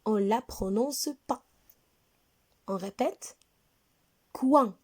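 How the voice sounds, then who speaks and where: Patient schoolteacher, woman, for a children's reading lesson: unhurried, warm mellow tone, clear diction. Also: a little high. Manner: slow, clear, patient, spells words letter by letter. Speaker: primary school teacher.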